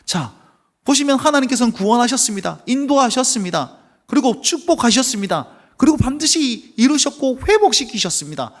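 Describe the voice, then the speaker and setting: Male preacher with a high, lively delivery; emphatic and theatrical at the pulpit. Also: fairly quick. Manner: emphatic, dramatic preaching that acts out voices. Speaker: pastor. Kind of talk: sermon. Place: church prayer service.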